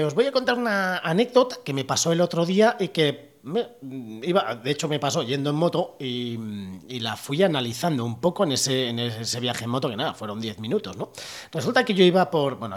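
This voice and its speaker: Young adult male host with a Spanish accent from Spain, relaxed chatty monologue, loose and slangy, voices quoted speech with sharp rises. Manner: chatty, full of fillers and slang; acts out quoted dialogue with sharp pitch jumps. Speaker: podcast host. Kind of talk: casual storytelling monologue.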